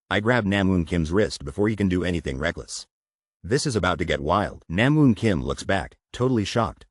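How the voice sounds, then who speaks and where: A man's voice: deep voice, no room sound, clean studio sound. A man narrating a comic recap as scripted voice-over, wisecracking with playful asides.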